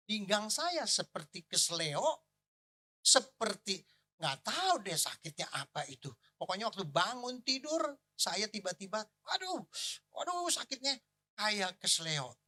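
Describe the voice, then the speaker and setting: Bright-voiced joking pastor. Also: male voice, high-pitched, a little slow. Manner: animated, joking, exclamatory. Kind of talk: casual storytelling sermon.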